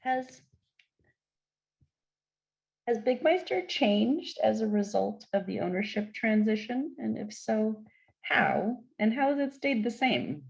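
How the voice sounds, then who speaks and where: Woman moderator with a creaky, animated voice, asking questions at a slow pace. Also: on the high side, poor audio.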